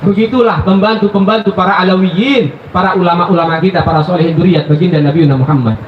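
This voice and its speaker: A man preaching a sermon, telling stories in an animated way and addressing his listeners as brothers at a religious gathering. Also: high voice, fast talker, a little hiss or hum. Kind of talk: sermon storytelling. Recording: echoey, dull live recording.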